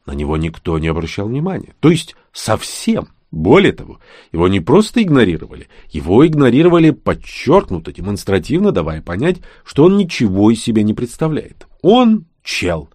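Expressive man narrating an audiobook. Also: lowish voice, moderate pace, no echo, clean studio sound.

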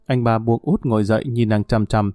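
A man narrating a novel as an audiobook in a steady, dramatic reading. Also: fairly low pitch, brisk, no room sound, studio quality, faint music behind. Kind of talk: storytelling narration.

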